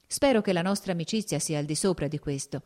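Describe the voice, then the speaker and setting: Audiobook: woman voicing a smooth-talking married officer, measured and persuasive. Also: on the low side, darkish tone, lightly acted.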